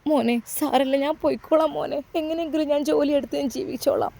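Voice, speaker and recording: A woman's voice: sits high, steady tone, fast talker, gravelly, warm tone, pitched above the performer's own voice. A woman voicing a grieving, meek young widow who pleads through tears, with a Malabar Malayalam accent. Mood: pleading, tearful. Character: grieving pregnant young widow, gentle and fearful.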